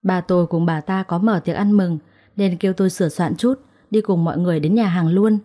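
A young woman narrating a first-person story in a calm, reflective way. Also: fairly low pitch, a little fast.

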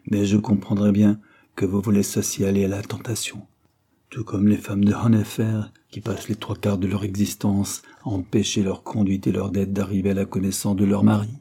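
A man's voice: on the low side, warm tone, husky. A man narrating a novel as a reader, with wry asides to the listener. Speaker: audiobook narrator. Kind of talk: scripted narration.

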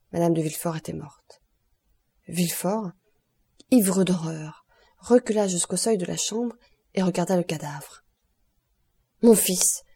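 A woman narrating a classic novel as an audiobook, in a measured, expressive reading. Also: lowish voice, slightly rough.

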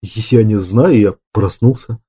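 A tender, reflective young man who muses aloud, calm and gentle, as a male narrator reads him. His voice is mellow and warm, no different from the reader's own. It comes from a storybook reading. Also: lowish voice, slow, breathy edge.

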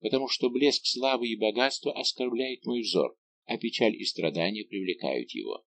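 A man reading an audiobook voices a young noblewoman who speaks softly and earnestly. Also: on the low side, normal speed. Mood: tender. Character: young noblewoman, tender and resolute.

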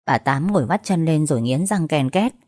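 A young woman reading a dramatized audiobook story, acting out family quarrels by raising her pitch and volume. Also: lively intonation, moderate pace, a little mellow.

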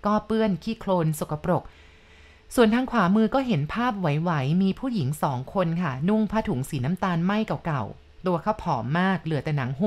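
Calm woman telling a ghost story. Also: fairly low pitch. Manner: calm, polite, measured.

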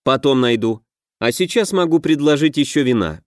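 A man voicing a snappy, quick-tempered young woman adventurer in an audiobook. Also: medium pitch, dry recording, clean studio sound, natural voice. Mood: exasperated. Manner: snappy, lively.

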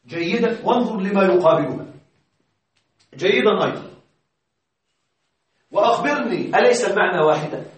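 High-voiced male grammar teacher, echoey room. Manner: asks students questions, repeats examples slowly. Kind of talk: classroom grammar lesson. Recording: echoey classroom from far off.

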